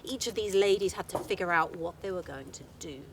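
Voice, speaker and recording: A woman telling a folktale live to an audience, in a chatty, animated way with playful asides. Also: on the low side, fairly quick, slight background noise. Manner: lively, chatty, dramatic asides. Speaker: storyteller.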